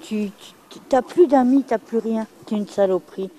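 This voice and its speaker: Blunt Frenchwoman, mellow voice. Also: fairly high pitch, normal speed, poor audio. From France. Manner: blunt, repetitive, emphatic. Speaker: interviewee. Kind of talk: candid testimony.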